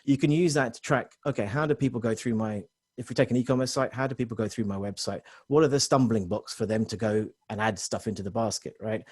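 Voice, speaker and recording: A husky, low-voiced man delivers a webinar presentation to business owners. He talks quickly, often restarting and correcting himself mid-sentence. His voice is close and dry, with no room sound. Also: a little mellow, no room sound.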